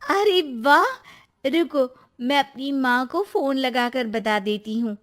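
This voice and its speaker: A woman's voice: high voice, slow. A woman voicing a chatty, boastful young wife in a cartoon story. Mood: fussy. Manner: excited boasting. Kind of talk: cartoon dub acting.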